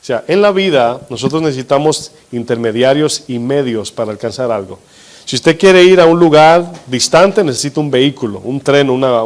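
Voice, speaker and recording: Male pastor, mid-pitched voice, steady teaching sermon with questions to the congregation. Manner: slows for emphasis on scripture.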